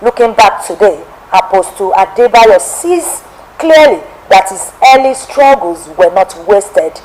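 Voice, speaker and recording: A woman from Nigeria hosting a television testimony program and reading a formal, measured biographical narration. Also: mid-range voice, expressive, darkish tone, a little hiss or hum, rough recording.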